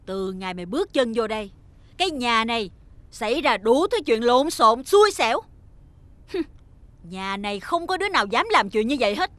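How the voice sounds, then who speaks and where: A woman's voice: lively intonation, fast talker, hardly any pauses, fairly bright tone, no room sound, close to an everyday voice. An actress with a Southern Vietnamese accent playing a wealthy mother who dotes on her son but scolds his friend sharply. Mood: furious. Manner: shrill and scolding. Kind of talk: TV drama acting.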